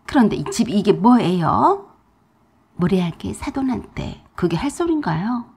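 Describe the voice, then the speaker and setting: A woman's voice: mid-range voice, vocal fry, dark tone, breathy edge. A woman giving first-person, matter-of-fact narration for a radio drama.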